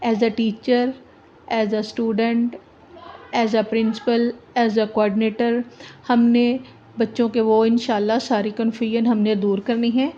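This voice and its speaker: Woman, teacher, slow deliberate pace, higher voice, dull lo-fi sound. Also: level tone, dark tone, slight background noise. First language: Urdu. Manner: repeats letters and words, checks in with "ठीक है". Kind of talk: slow, deliberate alphabet lesson for teachers and children. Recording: dull lo-fi recording.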